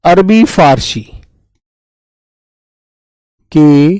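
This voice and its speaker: A man's voice: on the high side, expressive, slow, a little mellow, no room sound, low-quality recording. A man teaching grammar in an online class, fondly calling his students children, repeating each term and answering viewers' comments.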